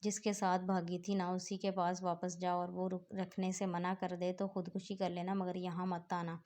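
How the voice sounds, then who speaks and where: A woman's voice: lowish voice, little pitch movement, a little mellow, lightly acted. A woman voicing a harsh, contemptuous middle-aged uncle in a read-aloud novel, cold and scornful.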